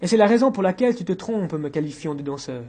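Man reading smug witty male charmer, soft self-assured voice, high husky tone, audiobook. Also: animated, fast talker. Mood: wry.

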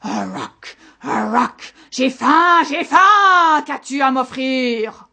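Woman putting on a booming, ever-hungry owl ogre for a folk tale, loud, raised pitch, husky. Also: lively intonation, very slow, exaggerated voice. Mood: furious roaring. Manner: roaring, booming demands. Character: huge ravenous owl-headed male ogre.

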